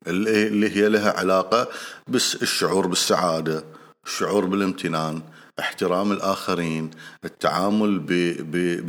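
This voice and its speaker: Speaking in a low, fairly bright voice with a Gulf Arabic accent, a man gives casual, earnest marriage advice directly to the listener. He repeats his points and hesitates often, pausing on fillers.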